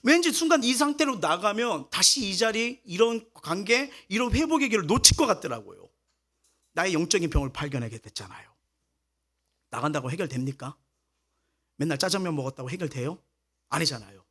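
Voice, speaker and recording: A man delivers a sermon as pastor, his voice pitched high for a man and swinging widely up and down. He tells a personal story with animation and acts out the lines of the people in it. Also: brisk. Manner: animated storytelling, acting out quoted speech.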